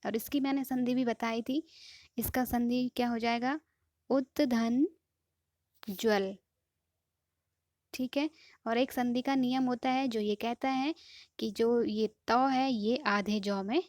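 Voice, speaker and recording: A woman teaching an exam-prep lesson in a patient way, often pausing to check that students follow. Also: fairly high pitch, steady tone, a little mellow, no echo, studio quality. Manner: patient, repeats "ठीक है" to check understanding. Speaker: Hindi teacher.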